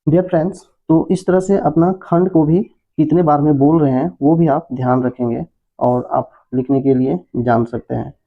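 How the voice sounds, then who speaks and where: A man's voice: a little high, normal speed. A man hosting an English lesson for beginners, explaining spelling and pronunciation patiently and repeating checks with his listeners. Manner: patient, repetitive explaining with frequent "है ना". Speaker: English teacher, channel host. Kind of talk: Hindi-language English lesson. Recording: tinny phone-like audio.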